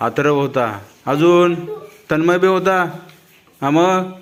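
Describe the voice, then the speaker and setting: A male teacher gently questioning a young child, asking patient, coaxing questions and soothing him. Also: a little high, slow pace, dull audio.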